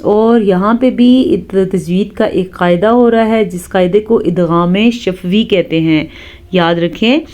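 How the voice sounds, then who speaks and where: A woman teaching Quran recitation rules, explaining each one calmly and reciting words slowly and drawn out. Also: medium pitch. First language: Urdu. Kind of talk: tajweed lesson with slow recitation.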